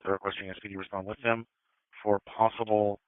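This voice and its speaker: Man, lowish crisp voice, police radio dispatch, procedural phrasing, tinny phone-like band. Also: level tone, a little fast, no room sound. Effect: police radio transmission. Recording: phone-like narrowband scanner audio.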